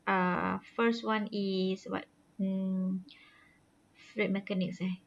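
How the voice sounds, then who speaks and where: A woman lecturer with a Malaysian accent gives an online course briefing, heard through a screen recording of the video call. She talks haltingly, with many fillers and "lah" tags. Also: medium pitch, little pitch movement, gravelly. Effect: screen-recorded online class audio. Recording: muffled screen-recorded call with faint hiss.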